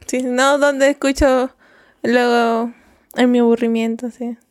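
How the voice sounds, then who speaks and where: A woman's voice: a little high, flat delivery, slow pace, dry recording, studio quality. A woman co-hosting a podcast, playful and teasing in casual chat. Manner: playful, teasing, laughs often. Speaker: podcast co-host.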